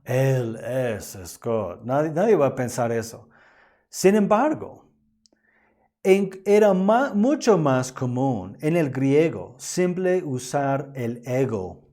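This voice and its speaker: A man teaching an online Bible lesson, explaining slowly and often restarting his phrases. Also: mid-range voice, dark tone.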